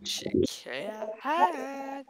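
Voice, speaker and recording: An unhinged psycho schoolteacher, acted by a woman in a game role-play, stalking pupils with menace. The delivery is slow and creaky, swinging wildly in pitch through taunting threats. Other players' voices are heard behind. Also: very animated, a crowd in the background, heavily acted. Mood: menacing, taunting.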